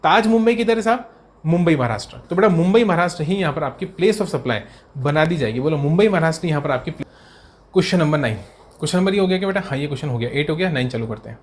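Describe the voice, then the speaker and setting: A man teaching an exam-prep tax lecture in a brisk, chatty way, mixing Hindi with English terms and reading legal text slowly. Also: a little high, lively intonation.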